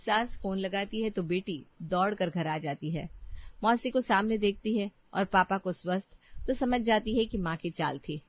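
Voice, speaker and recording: A woman's voice: medium pitch, normal speed, no room sound, muffled recording. Woman narrating a story, subdued.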